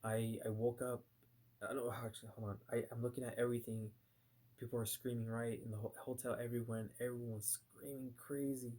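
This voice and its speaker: This man's nightmare story comes out rambling and casual, peppered with fillers and restarts, with bursts where he acts out his own reactions at the time. A vlogger, he has a mid-range, slightly mellow voice, a flat delivery, and a pace that's a little fast.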